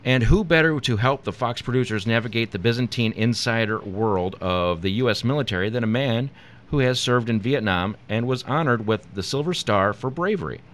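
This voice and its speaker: A man's voice: medium pitch, expressive, fairly quick, a bit bright. A man co-hosting a talk show, reading a scripted comedy segment aloud and sometimes stumbling over words. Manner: reads from a script with stumbles and laughs. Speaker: co-host.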